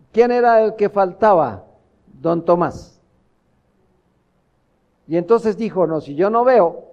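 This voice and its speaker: A man's voice: high-pitched, a little mellow, highs cut off. A man preaching a sermon as pastor, earnest, asking rhetorical questions of the congregation.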